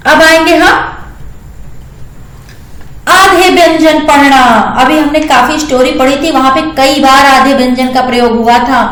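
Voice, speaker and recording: Woman teacher, high voice, slow and patient with small kids, echoey room. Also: a bit bright. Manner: patient, slow and repetitive, sounding out syllables. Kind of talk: classroom lesson for young children.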